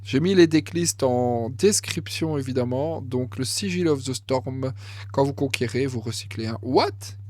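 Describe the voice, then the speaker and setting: A man commenting on a card game match, excitable and thinking aloud as he goes, often correcting himself. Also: medium pitch, moderate pace, dry recording.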